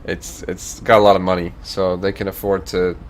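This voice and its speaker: A man's voice: deep voice, level tone, normal speed, a little hiss or hum. A man from Northern Virginia chatting casually on a stream, rambling and swearing freely. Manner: rambling, profane, easygoing.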